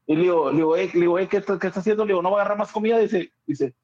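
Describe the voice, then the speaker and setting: A man spins a family anecdote for a radio chat show. His voice sits high for a man, and he laughs often while acting out every quote with lively energy. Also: very fast, highs cut off. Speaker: radio co-host. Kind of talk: casual storytelling chat.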